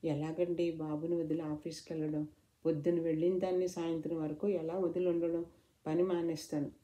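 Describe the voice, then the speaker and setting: A woman's voice: low voice, level tone, a little fast, mellow, lightly acted. Woman voicing an anxious young mother. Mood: pleading. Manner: pleading, then fiercely protective. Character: distressed young working mother, anxious and protective.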